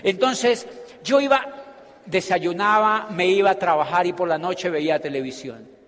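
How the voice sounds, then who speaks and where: Animated high-voiced man, echoing hall. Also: a little slow. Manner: animated, humorous, acts out scenes. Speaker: motivational speaker at a business meeting. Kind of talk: storytelling motivational speech. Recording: hall reverb.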